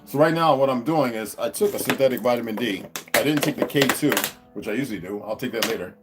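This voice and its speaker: Over loud background music, a man vlogs indoors at home at a quick pace, rambling casually to his viewers. He wanders between topics and keeps restarting, and at times turns to his dogs with a high, coaxing voice.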